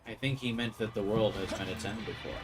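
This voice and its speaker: A man streams a video game and chats casually as he plays, with game music and audio playing behind him. He has a lowish voice and talks fast.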